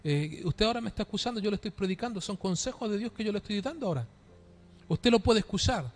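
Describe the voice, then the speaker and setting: High-voiced pastor preaching a sermon. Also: male voice, expressive, quick pace, soft background music. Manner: dynamic preaching, calls for amen, rhetorical questions. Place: church.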